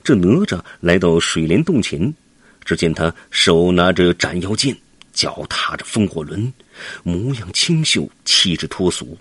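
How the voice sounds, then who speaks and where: A man's voice: deep voice, lively intonation, measured pace, a bit bright, slightly rough, no echo. A man narrating a classic adventure tale for children in a dramatic, vivid way. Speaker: storyteller.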